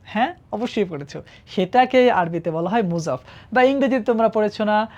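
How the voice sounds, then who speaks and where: A woman's voice: mid-range voice, expressive, fairly quick, a little mellow, lo-fi sound. A woman teaching Arabic grammar to students in a classroom-style lesson, patiently asking them questions and checking that they follow. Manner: patient, asks the class questions and often checks with "ঠিক আছে?".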